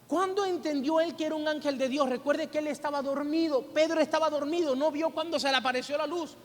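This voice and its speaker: A man's voice: extremely high pitch, quick pace, in a large hall. A Venezuelan man preaching a sermon as pastor, telling a story and animatedly acting out the voices in it. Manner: animated, acts out quoted voices. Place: church hall.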